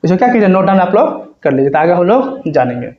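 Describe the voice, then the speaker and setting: High-voiced man teaching in a roomy echo. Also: sing-song, quick pace. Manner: repetitive, asks and answers his own questions. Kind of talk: whiteboard grammar lesson. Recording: roomy, dull lo-fi sound.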